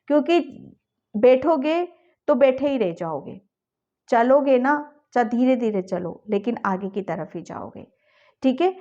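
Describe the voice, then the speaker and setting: A woman's voice: on the high side, expressive, measured pace, warm tone, muffled recording. A woman tarot reader talking to her viewers, coaxing and encouraging them, often closing a thought with a reassuring check-in. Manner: coaxing and encouraging, with a repeated ठीक है at the ends of thoughts. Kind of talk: addressing viewers in a tarot reading.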